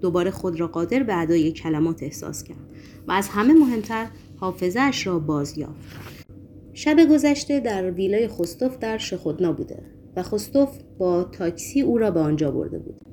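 A woman's voice: fairly low pitch, lively intonation, warm tone, a little hiss or hum. Woman reading a novel aloud. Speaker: audiobook narrator. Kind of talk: scripted narration.

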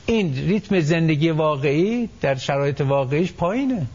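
A man guest on a radio talk show, explaining his ideas in an animated way, often acting out what people say. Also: fairly high pitch, lo-fi sound. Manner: animated storytelling, acts out quotes. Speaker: psychology expert guest.

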